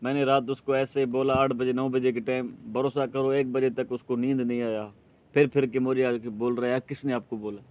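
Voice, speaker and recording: A man telling lively anecdotes in a casual chat among friends. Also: medium pitch, normal speed. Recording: tinny phone-like sound with faint noise.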